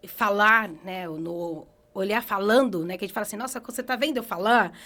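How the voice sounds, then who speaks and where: A Brazilian woman hairdresser, a guest on a beauty podcast, telling stories lively with quick laughs. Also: mid-range voice. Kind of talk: casual podcast interview.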